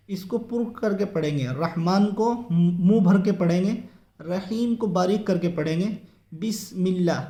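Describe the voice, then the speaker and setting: A man teaching a reading lesson, patient and explaining each point slowly, repeating and rephrasing for his viewers. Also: high voice, mellow, very echoey, rough recording. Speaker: Quran teacher.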